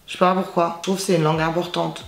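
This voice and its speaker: A woman's voice: lowish voice, little pitch movement, fast talker, vocal fry, reverberant. A woman in her twenties, from Azerbaijan, chatting playfully and self-mockingly with her viewers in a casual vlog. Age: 20s. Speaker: YouTuber.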